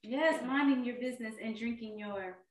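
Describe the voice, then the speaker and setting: Woman podcast co-host, bubbly, loud, laughs a lot; echoey room. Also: a little high, moderate pace. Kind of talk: casual chat.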